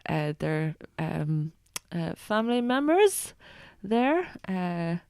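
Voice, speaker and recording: An Irish woman talks in a clear voice with a creaky edge, in a dry recording. She chats casually as a guest, hesitating and meandering as she goes. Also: on the low side, big pitch swings, slow pace, a little mellow, no room sound. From Ireland. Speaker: guest, stand-up comedian. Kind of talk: casual chat.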